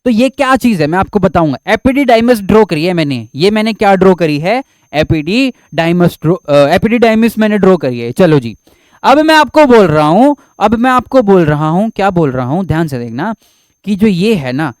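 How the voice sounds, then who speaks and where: A man's voice: high voice, expressive, normal speed, no room sound. A man teaching a biology lecture at a board, who repeats his own questions, answers them, and keeps reassuring his students.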